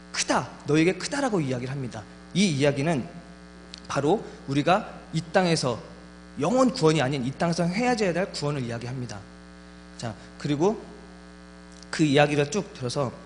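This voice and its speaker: Lively man preaching in a reverberant church. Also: on the high side. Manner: animated preaching with rhetorical questions. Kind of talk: sermon. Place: church sanctuary. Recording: long church reverb with faint mains hum.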